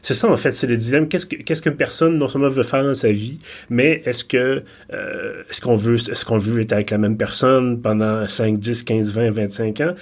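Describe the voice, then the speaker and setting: Halting Quebec man in his thirties. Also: mid-range voice, fairly even intonation. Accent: Quebec French. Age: 30s. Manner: thoughtful, halting with repeated restarts. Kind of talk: casual film discussion.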